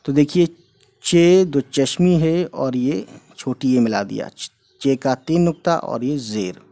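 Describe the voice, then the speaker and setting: A man's voice: medium pitch, a little slow, mellow. A man teaching how to write Urdu letters in a casual lesson, explaining step by step and repeating each sound, with fillers and English phrases mixed in.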